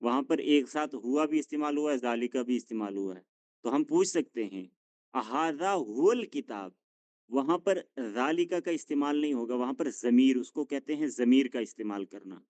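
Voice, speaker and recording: An Arabic teacher runs a classroom drill, correcting his students gently with patient encouragement. His middling-pitched voice has lively intonation at a moderate pace, recorded dry and close with no room echo.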